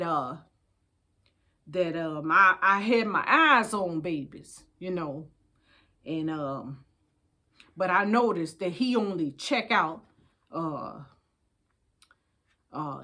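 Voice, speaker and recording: Her lowish voice is bright and forceful. An older woman with an American accent, she hosts storytime, chatting casually and reading aloud in a folksy, emphatic way, addressing listeners as babies and repeating phrases for emphasis.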